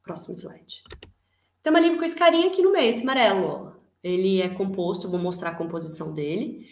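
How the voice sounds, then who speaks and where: A woman with a Brazilian Portuguese accent teaching an online class in a lively spoken lecture, often putting rhetorical questions to her students. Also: mid-range voice, fairly quick. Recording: echoey room.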